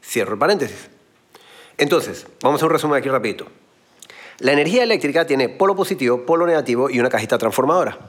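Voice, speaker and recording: A man's voice: medium pitch, very animated, quick pace. A man giving a motivational talk, explaining with everyday analogies and blunt slang. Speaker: motivational speaker.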